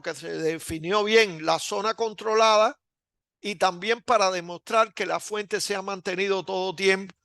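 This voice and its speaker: A man giving a recorded lecture over slides, slow and deliberate, with frequent hesitations and restarts. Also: high-pitched, fairly bright tone, no echo, studio quality.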